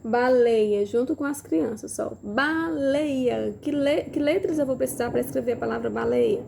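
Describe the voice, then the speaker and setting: Gravelly-voiced woman teacher explaining to parents. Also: on the high side, normal speed, warm tone, a little hiss or hum. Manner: demonstrates with materials, asks questions as if to a child. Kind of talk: casual instructional talk.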